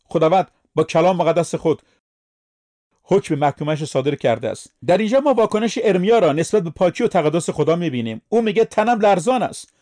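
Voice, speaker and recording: Guy preaching a sermon, pretty high voice, emphatic, keeps asking the crowd questions. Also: lively intonation, a little mellow. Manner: emphatic, asks the listeners questions.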